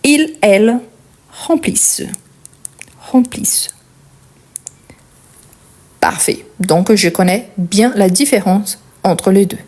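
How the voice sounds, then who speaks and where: Woman w/ portuguese accent doing a french grammar lesson, slow and careful, keeps checking "ok?". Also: mid-range voice, expressive, darkish tone. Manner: patient, explains step by step with frequent checks. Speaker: French teacher. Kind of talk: conjugation lesson.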